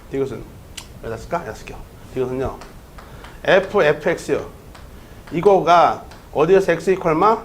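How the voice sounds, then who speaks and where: High-voiced man teaching math online. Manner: lively, keeps checking in with the listener.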